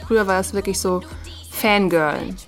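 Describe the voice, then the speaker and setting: Woman in her twenties, casual interview, chatty and animated, mid pitch, music in the background. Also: moderate pace. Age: 20s. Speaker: interviewee, dancer.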